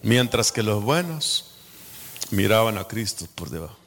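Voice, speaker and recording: A Guatemalan man with a Guatemalan Spanish accent preaches in a gravelly voice with a rough edge of fry. His delivery is unhurried and deliberate, and it swings from hushed whispers to fervent shouts. The sound carries the long echo of a large hall. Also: fairly low pitch, sing-song. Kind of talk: sermon.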